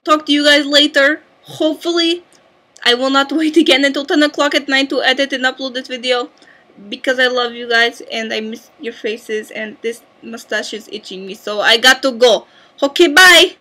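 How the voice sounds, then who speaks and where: A woman's voice: high voice, moderate pace, pushed and bright. A young woman vlogger chatting casually and bubbly, with lots of filler words. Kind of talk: casual chat.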